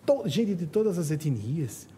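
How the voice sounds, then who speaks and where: A middle-aged man from Northeast Brazil with a Northeastern Brazilian accent, giving a lively lecture to a live audience, acting out voices and asking the audience questions. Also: a little high, a little slow. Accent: Northeastern Brazilian Portuguese.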